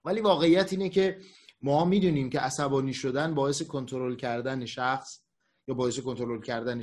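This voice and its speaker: A male pastor giving a conversational online sermon, acting out the voices of people he quotes. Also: mid-range voice. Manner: lively, acts out quoted voices.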